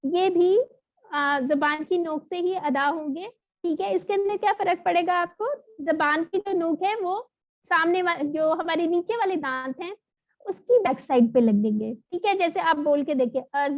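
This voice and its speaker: A woman teaching an online recitation lesson, explaining patiently and sounding out letters slowly. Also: very high voice. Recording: dull lo-fi audio.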